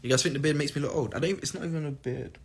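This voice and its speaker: A man's voice: a little high, very fast, husky. A young man casually reading fan questions aloud and answering them on a phone livestream, rambling and playful. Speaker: singer answering fans on a livestream.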